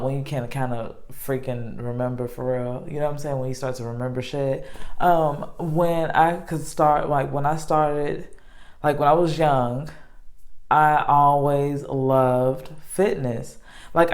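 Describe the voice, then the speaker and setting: Young woman vlogger, low pitch, chatty and rambling, lots of fillers. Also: darkish tone. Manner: rambling, filler-heavy, self-interrupting. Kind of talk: casual chat to camera.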